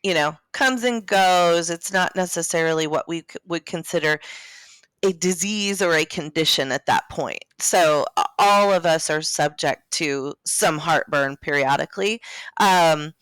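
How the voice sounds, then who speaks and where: A woman co-hosting a health podcast in a groggy morning voice, pitched on the low side. She explains things in a chatty, joking way. The sound is dry and close. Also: unhurried, fairly bright tone, smooth, no echo. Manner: chatty, explains anatomy with jokes. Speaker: podcast co-host. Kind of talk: casual health podcast chat.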